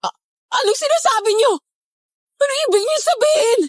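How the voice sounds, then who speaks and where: A woman's voice: extremely high pitch, fairly quick, no echo, studio quality. A woman playing a frightened young nanny held captive, pleading and stammering.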